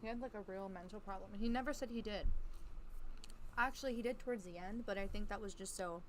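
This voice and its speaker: A woman's voice: mid-range voice, fast talker, a little hiss or hum. Giggly, chatty young woman vlogger. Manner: giggly, chatty, laughs often. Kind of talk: casual chat.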